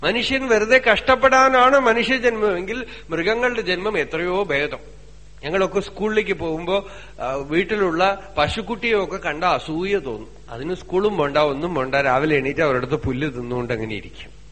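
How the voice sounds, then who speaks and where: A man with a Malayali accent gives a religious discourse, asking rhetorical questions, telling stories and slowly chanting Sanskrit verses. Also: sits high, pushed and bright, long reverb tail. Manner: conversational storytelling with rhetorical questions. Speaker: spiritual teacher.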